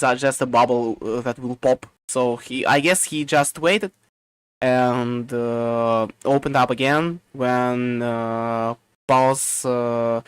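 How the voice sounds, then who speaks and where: Halting man with a smooth voice. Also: medium pitch, fairly bright tone, dry recording. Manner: halting, many fillers and restarts. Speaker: podcast co-host. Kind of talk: casual chat.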